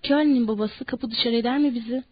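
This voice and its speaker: A woman's voice: on the high side, steady tone, brisk, slightly rough, no room sound. A woman voicing a frightened, simple-minded giant farmhand, pleading and whimpering in a dull, lo-fi audiobook reading. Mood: anxious.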